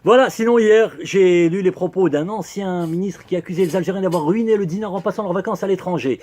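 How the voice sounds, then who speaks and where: Sarcastic man with a high voice. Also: a little fast, darkish tone. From Algeria. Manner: ironic, sarcastic punchlines. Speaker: humor columnist. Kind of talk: satirical comic monologue.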